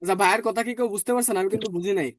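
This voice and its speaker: High-voiced man teaching. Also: dry recording, clean studio sound. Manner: explains patiently, repeats words slowly, checks with "clear?". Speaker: German language teacher. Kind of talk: online class teaching.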